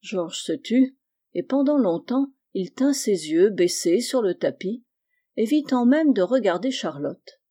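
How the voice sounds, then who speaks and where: An audiobook reader narrating a novel in a measured, expressive way. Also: mid-range voice.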